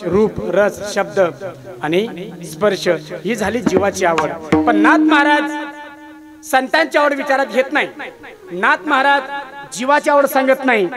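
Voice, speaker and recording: A man, preaching a comic devotional sermon at a village gathering. He tells the story through repeated phrases and calls out to the accompanists by name. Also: high voice. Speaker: kirtan preacher. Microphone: public address sound system. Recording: live crowd audible behind.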